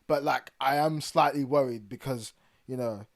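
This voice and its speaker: A young man co-hosting a casual podcast chat, laughing often and trailing off quietly when he turns serious. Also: medium pitch, normal speed, vocal fry. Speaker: podcast co-host.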